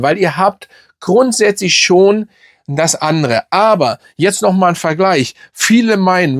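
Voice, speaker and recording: A man's voice: high-pitched, no room sound, studio quality. Chatty man reviewing a fragrance. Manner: chatty, rambling, frequent fillers and tag questions. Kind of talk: casual product review.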